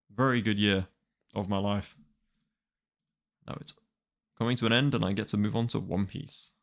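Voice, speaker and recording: A twenty-year-old man talks casually to his stream. His voice sits low with a gravelly edge. He rambles, sounding wry and exasperated. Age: 20s. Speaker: manga reaction streamer. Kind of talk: casual live-stream chat.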